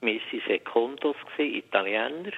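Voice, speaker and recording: A man in his sixties with a Biel-Solothurn Swiss German accent, calling in to a radio show and telling his story in a halting, hesitant way. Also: mid-range voice, lively intonation, slight background noise. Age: 60s. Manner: halting, hesitant, full of pauses. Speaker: radio caller. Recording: muffled phone line with reverb.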